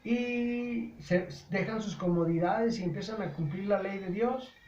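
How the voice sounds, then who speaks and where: A high-voiced man with a Mexican Spanish accent teaches scripture in a chatty, homespun manner, often restarting his words. The recording is roomy, somewhat muffled, with faint ambient hum. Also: unhurried, a little mellow. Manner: folksy, repetitive, many stammered restarts. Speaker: Bible teacher. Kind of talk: informal catechesis lecture.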